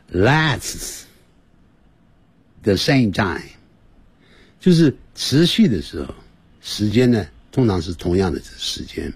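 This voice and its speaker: Radio English teacher, male; husky, very lively pitch, dry studio sound, patient and repetitive. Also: no echo. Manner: explains patiently, repeats and slowly models English phrases. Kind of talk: radio language lesson. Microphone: studio microphone.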